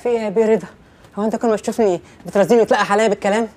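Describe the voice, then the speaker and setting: An actor playing a tearful, clingy young suitor, speaking with an Egyptian Arabic accent in a TV comedy series. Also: male voice, sits high, steady tone, very fast, a little mellow, lightly acted. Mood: pleading. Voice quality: whiny, pleading. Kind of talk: TV comedy drama acting.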